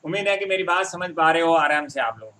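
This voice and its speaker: A man's voice: a little high, expressive, fast, bright, forceful tone. A man teaching a Hindi grammar lesson, explaining step by step and often checking that his students follow.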